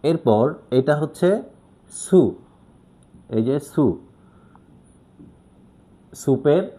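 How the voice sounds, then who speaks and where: Mellow-voiced man teaching a lesson. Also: fairly high pitch, extremely slow. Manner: patient, demonstrating while writing. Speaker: Japanese language teacher. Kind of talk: explaining a lesson step by step.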